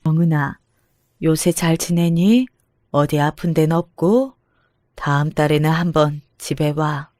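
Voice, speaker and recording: A devoted middle-aged mother, as a woman reader puts her on, speaks slowly and fretfully, her worry for her children always close to the surface. The voice is dry and near the mic, with no room sound. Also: low voice, fairly even intonation, no room sound. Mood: tender. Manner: slow, gentle, fretting.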